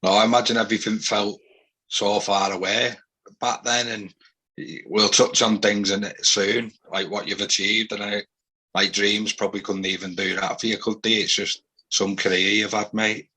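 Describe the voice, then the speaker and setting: A male host asking his guest friendly, easygoing questions. His voice sits low, with a bright, forward tone and a husky edge. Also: flat delivery, normal speed, rough recording. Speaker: podcast host. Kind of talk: casual interview.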